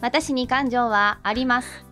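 A woman playing a clunky evil AI bent on wiping out humanity, speaking in calm, flat, menacing statements in an improvised comedy skit. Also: a little high, slow pace. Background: clear background music.

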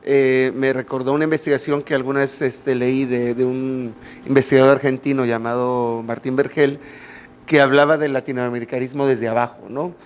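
A man's voice: mid-range voice, little pitch movement, moderate pace, a little hiss or hum. Mexican male audience member, friendly, rambling, filler-heavy, handheld mic. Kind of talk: question from the floor. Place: conference hall, indoors.

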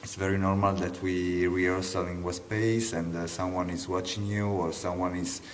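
A man in his thirties with an Italian accent talks in a very deep, low voice. He searches for words in English, stringing phrases with small fillers. A faint hiss of room noise sits under him. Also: flat delivery, moderate pace. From Italy. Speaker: dance artist. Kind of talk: interview answers. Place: dance studio, indoors.

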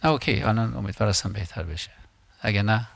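A man's voice: lowish voice, vocal fry, no echo. A man preaching a sermon as pastor, impassioned and emphatic, repeating phrases and often restarting words.

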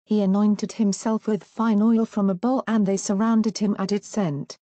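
A woman storyteller narrating an ancient myth in a measured, solemn way. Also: mid-range voice, flat delivery, warm tone, no echo.

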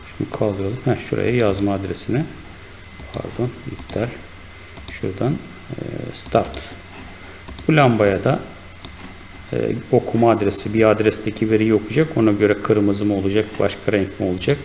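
Low gravelly man explaining step by step. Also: fairly even intonation, darkish tone, slight background noise. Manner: unhurried, explanatory, with frequent fillers and self-corrections. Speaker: instructor. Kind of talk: screen-recorded software tutorial.

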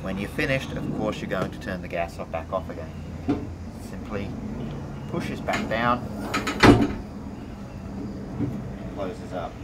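A middle-aged man giving a relaxed walkthrough of a catamaran's cabin and cockpit, plain-spoken with hesitant fillers. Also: low-pitched, slow pace, pauses often, heavy background noise. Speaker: boat charter owner giving a tour. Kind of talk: casual walkthrough tour.

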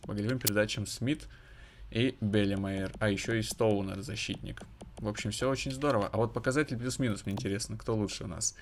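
A man's voice: on the low side, a little hiss or hum. A man giving casual, conversational commentary on his own hockey video game, with analytical asides to viewers.

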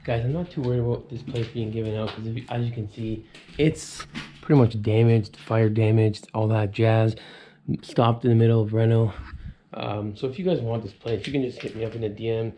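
Thirties male explorer vlogger, mellow voice, casual musing tone, camera-mic sound with slight noise. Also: on the low side, steady tone, brisk, dull audio. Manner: casual, musing, talks to viewers as he walks. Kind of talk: handheld exploration vlog. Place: abandoned fire-damaged house, indoors. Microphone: handheld camera.

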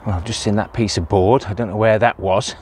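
Talking a little fast with fairly even intonation, a man with a fairly low, slightly mellow voice casually vlogs from his allotment in and around a greenhouse. He's plain-spoken with many "uh" fillers, and there's a bit of hiss or hum.

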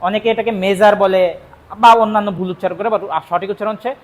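A man's voice: sits high, steady tone, rapid-fire. A young man from Bangladesh teaching vocabulary in a classroom lesson, explaining patiently and repeating key words. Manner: explains patiently, repeats words, asks and answers his own questions. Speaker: spoken English teacher.

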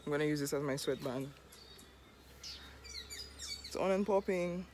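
A man's voice: a little high, unhurried, darkish tone. A man from Saint Lucia chatting upbeat and casually as he vlogs a morning hike outdoors. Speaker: vlogger. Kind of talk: casual outdoor hiking vlog. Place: outdoors on a mountain trail. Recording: noisy outdoor camera audio.

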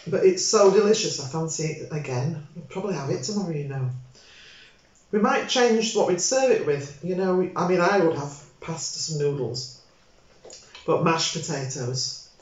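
A woman's voice: deep voice, a little mellow. An older woman hosting a home cooking video, chatting casually and rambling as she cooks at her table. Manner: chatty, rambling, self-correcting. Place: home dining room, indoors. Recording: very echoey room, dull lo-fi sound.

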